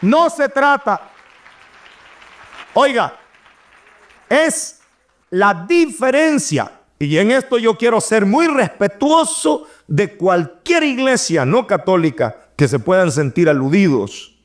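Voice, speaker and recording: A middle-aged man, preaching an animated sermon and acting out the voices he quotes. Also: high voice, slow, some chatter behind.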